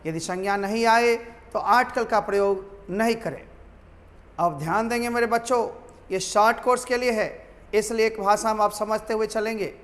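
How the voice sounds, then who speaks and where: A man's voice: high voice, fairly even intonation, moderate pace, a bit bright, in a large hall. A man teaching a grammar lesson to students, repeating key points and calling them his children.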